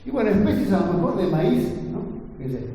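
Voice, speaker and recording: A man's voice: sits high, big pitch swings, brisk, mellow. Man lecturing in an echoey hall. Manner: earnest, addresses the audience with frequent tag questions. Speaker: agronomy lecturer. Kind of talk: academic lecture to an audience. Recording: echoey lecture hall, faint ambient noise.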